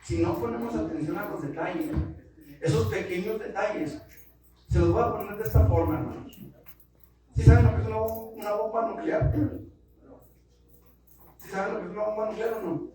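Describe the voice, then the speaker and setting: High-voiced pastor, echoey church. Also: male voice, normal speed, pauses often, recorded from a distance, slight background noise. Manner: impassioned preaching, swings between soft asides and loud emphatic bursts. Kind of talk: sermon. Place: church sanctuary.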